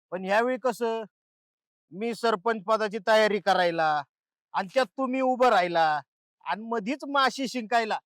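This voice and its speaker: An actor playing a boastful, scornful middle-aged village politician. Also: male voice, very high voice, a bit bright, dry recording, full character voice. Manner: bragging, scornful.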